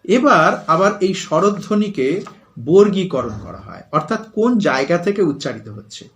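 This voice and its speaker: A man's voice: sits high, expressive, moderate pace, a bit bright. A middle-aged male teacher giving a classroom lesson, asking questions and repeating lists aloud for his students.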